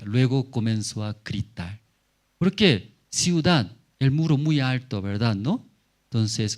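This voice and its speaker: A male pastor delivers a Sunday sermon at a slow, deliberate pace in a mid-range voice. He speaks in short, simple phrases and keeps checking in with the congregation through rhetorical questions. Now and then he raises his voice to play out a Bible scene. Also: medium pitch, a little mellow. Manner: often acts out Bible characters in a raised voice.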